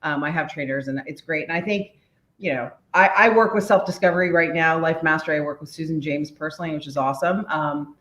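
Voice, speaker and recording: A woman in her forties from the DC area, a mayor, talking as a podcast guest in an energetic, upbeat way and laughing often. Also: deep voice, quick pace, echoey room. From United States, DC area. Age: 40s. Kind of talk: podcast interview, casual.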